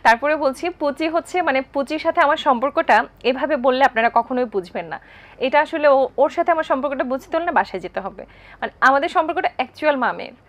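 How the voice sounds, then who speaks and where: A woman appearing as a guest on a talk show, telling stories about her life in a brisk, anecdotal way. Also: sits high, animated. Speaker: content creator guest. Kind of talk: talk show interview answers.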